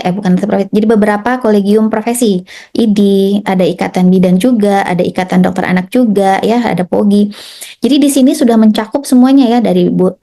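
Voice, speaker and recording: A woman's voice: mid-range voice, warm tone. A woman pediatrician giving an informal health talk to parents, chatty, often tagging her sentences and acting out little quotes. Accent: Indonesian. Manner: chatty, repeats tag "ya" and "gitu", acts out quotes.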